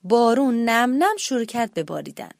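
A woman reading a children's story aloud in a gentle, expressive way and speaking directly to the children listening. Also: on the high side, creaky, no room sound, studio quality.

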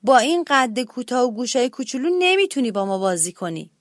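A woman voicing a chubby, bossy older brother mouse who speaks loudly and gives orders. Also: on the high side, sing-song, no room sound, studio quality.

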